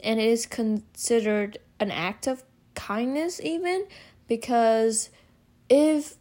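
A woman's voice: on the high side, slow, darkish tone. A young woman from Vietnam with a Vietnamese accent, hosting her own podcast in a casual, rambling way, full of "like" fillers and restarts. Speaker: podcast host. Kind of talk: casual solo chat.

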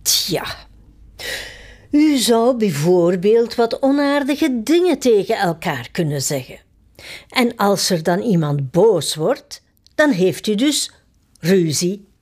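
A woman's voice: mid-range voice, sing-song, slow pace, darkish tone. A woman reading a storybook aloud and voicing a patient, weary male footman who explains things hesitantly.

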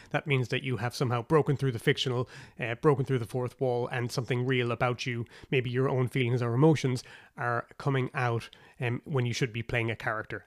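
A man's voice: mid-range voice, no echo. An Irish man introduces his podcast in a casual, chatty manner from a cabin in the woods. His delivery is wry and informal, and the sound is very dry, with little room around it. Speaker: podcast host.

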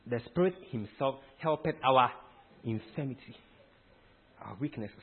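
A man's voice: medium pitch, lively intonation, measured pace, husky. A man preaching a teaching sermon, emphatic and quizzing his listeners with questions. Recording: tinny phone-like sound.

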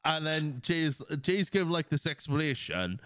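His smooth voice leans high and keeps a moderate pace, captured dry in a clean studio. He's a podcast host with a cold, sniffling through an animated scene-by-scene movie recap full of acted-out quotes and frequent laughter.

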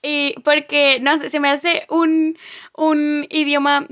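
A young woman with a Mexican accent chatting on a podcast, relaxed and pausing to search for words. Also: sits high. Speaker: podcast co-host. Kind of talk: casual podcast chat.

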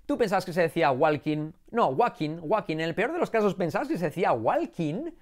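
Guy teaching english sounds, super animated pitch, jokes around, repeats words a lot. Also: very fast. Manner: animated, jokey, sings snippets and repeats words in drills. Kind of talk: playful video lesson.

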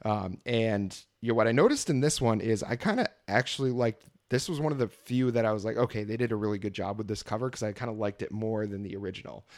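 A man co-hosting a podcast in relaxed casual chat, with many ums and fillers. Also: lowish voice, quick pace, hardly any pauses. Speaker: podcast co-host.

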